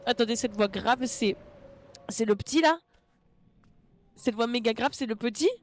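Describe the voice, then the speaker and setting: A woman's voice: fairly high pitch, moderate pace, no echo. A woman with a French accent streaming a game live, tearful, emotional, exclaiming and repeating herself.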